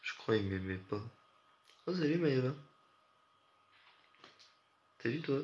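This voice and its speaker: A sleep-deprived young Frenchman rambles in slang to his viewers during a late-night stream, addressing chat directly. His medium-pitched voice is expressive and somewhat dark, moving at a moderate pace. The audio is muffled and lo-fi, with a faint hiss.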